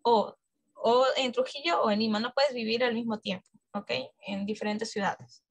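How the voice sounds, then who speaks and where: Brief: woman, English teacher, high voice, coaxing, keeps checking in, close dry sound. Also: moderate pace, no echo. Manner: coaxing, checks in with frequent questions. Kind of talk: online exam-prep class.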